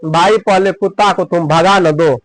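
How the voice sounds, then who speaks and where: A man voicing an even lazier young villager, grumbling back. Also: high voice, measured pace, no room sound, voice pushed down, poor audio. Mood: lazy grumbling.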